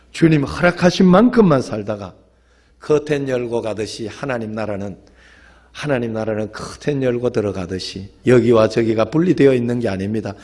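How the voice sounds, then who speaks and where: A man's voice: medium pitch, a little mellow. A male pastor with a Gyeongsang accent, preaching an evening sermon in a church and telling stories with emphatic appeals to the congregation. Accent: Gyeongsang Korean. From Gyeongsang region of Korea. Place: church sanctuary.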